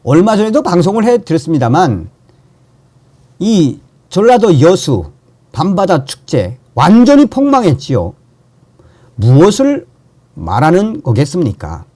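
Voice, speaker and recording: A man's voice: high voice, wildly swooping pitch, measured pace, long pauses, dark tone. A middle-aged man who reads a news report and then turns to opinionated commentary, asking his viewers indignant rhetorical questions. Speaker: YouTube political commentator.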